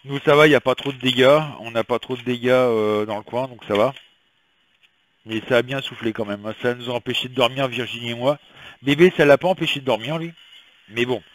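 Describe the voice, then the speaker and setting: A man's voice: medium pitch, a little fast. A man from France reading tarot in a casual weekly prediction vlog, chatting and rambling with many fillers while fighting a slight cold. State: has a slight cold, coughing. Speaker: tarot reader.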